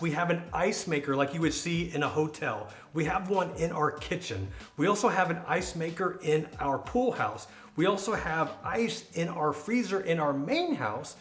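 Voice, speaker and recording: A man's voice: a little high, fairly bright tone, slightly rough. An American man telling a personal story in a casual, conversational vlog style, leaning on words and repeating them for emphasis. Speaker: vlogger.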